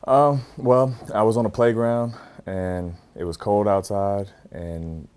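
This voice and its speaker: Low, mellow-voiced man in his thirties. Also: fairly even intonation, takes it slowly, clear, resonant tone. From Richmond, Virginia. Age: 30s. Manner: easygoing, plainspoken, lightly joking. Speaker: interviewee, groom-to-be. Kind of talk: relaxed interview answers.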